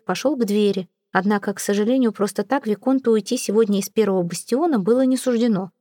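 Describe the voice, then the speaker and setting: A woman's voice: medium pitch, mellow, no room sound, studio quality. Woman narrating an audiobook.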